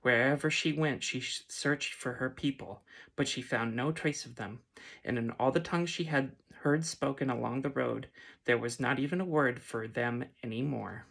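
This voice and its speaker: A man gently reading a fantasy story aloud in a soft ASMR style. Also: medium pitch, vocal fry. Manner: gentle, unhurried. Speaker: reader.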